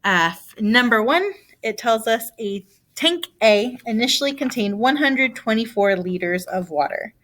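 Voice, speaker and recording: A woman who may be a young adult teaches a recorded math lesson, patiently going through a problem by posing and answering her own questions. Her voice is a little high and a bit bright, animated yet measured in pace.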